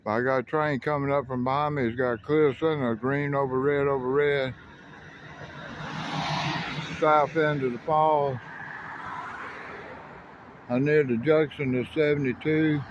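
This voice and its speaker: A man's voice: mid-range voice, steady tone, a little slow, long pauses, muffled recording, noisy background. A middle-aged man from South Carolina, rambling casually as he films by a rural road and railroad, often correcting himself. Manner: folksy, rambling, self-correcting. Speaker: railfan vlogger. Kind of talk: casual outdoor narration. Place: outdoors by a rural highway and railroad.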